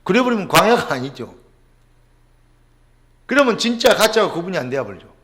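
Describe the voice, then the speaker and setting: A middle-aged male pastor preaching a sermon, asking rhetorical questions and dropping suddenly to a low murmur. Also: sing-song, fairly quick, fairly bright tone.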